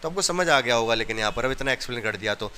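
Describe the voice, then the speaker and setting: Male maths teacher, from India, bright, clear voice, explains step by step, keeps checking that the class follows. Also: medium pitch, expressive, rapid-fire. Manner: explains step by step, often asks students if they understood.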